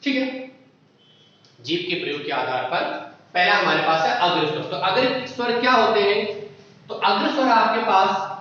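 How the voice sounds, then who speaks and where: A man's voice: high voice, animated, moderate pace, pauses often, pushed and bright. A man teaching a lesson, asking rhetorical questions and drawing out sounds as examples, recorded far from the mic in an echoey room with dull lo-fi sound. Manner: repeats checks like "ठीक है" and rhetorical questions, draws out vowel sounds. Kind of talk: classroom lesson on Hindi phonetics.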